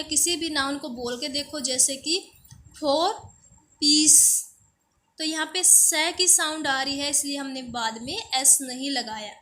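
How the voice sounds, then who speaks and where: A woman teaching a grammar lesson. She asks questions and then answers them herself, and she reads example phrases out slowly and deliberately. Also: sits high, pushed and bright. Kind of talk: classroom-style grammar lesson.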